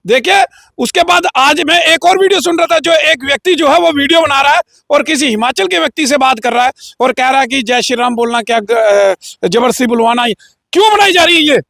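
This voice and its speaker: A man's voice: very high voice, fairly quick, creaky, a bit bright, dry recording, studio quality. A man as an interview guest giving a heated, combative political statement with frequent filler phrases. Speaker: interview guest, local group leader.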